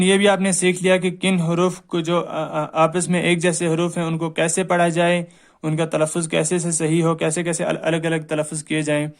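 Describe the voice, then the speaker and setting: Guy with a high voice teaching letter sounds, stretches each letter out loud then explains quick. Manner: draws out each letter slowly, loudly, then explains briskly. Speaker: Quran reading teacher. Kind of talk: recorded lesson.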